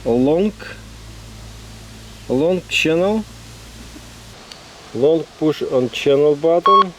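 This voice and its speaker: Over noisy vehicle and ambient background sound, a man reviews a product in a casual hands-on demo. His voice is on the high side and animated, but his speech is slow, halting, and choppy.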